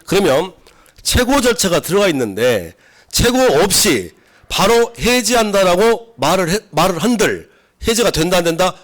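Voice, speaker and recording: A man's voice: high voice, sing-song, normal speed. A middle-aged man lecturing a class on civil law. He keeps asking the students questions and acts out his examples. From South Korea.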